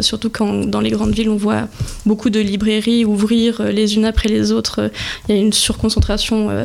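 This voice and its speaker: A woman in her twenties, a bookshop owner, answering radio interview questions in a measured way with many hesitations. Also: medium pitch, vocal fry. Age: 20s. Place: radio studio.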